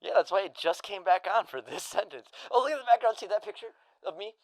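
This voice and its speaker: A man's voice: high voice, animated, fast talker, no echo. A man chatting casually while he paints, laughing often, swearing and rambling. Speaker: co-host. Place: home room with an open window.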